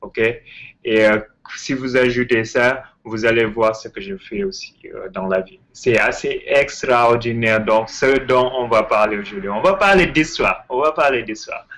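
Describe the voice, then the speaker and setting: A man's voice: mid-range voice, a bit bright, low-quality recording. A man with an English-tinged French accent giving an enthusiastic casual history talk as host, hesitant, full of fillers and repeated words. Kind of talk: casual spoken lecture. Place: Ontario, Canada.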